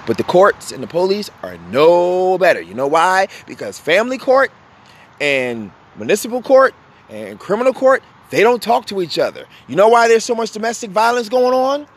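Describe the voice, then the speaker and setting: Breathy-edged and very animated, this high-voiced podcast host speaks at normal speed through an impassioned monologue. He's blunt, profane and emphatic, repeating his points for force.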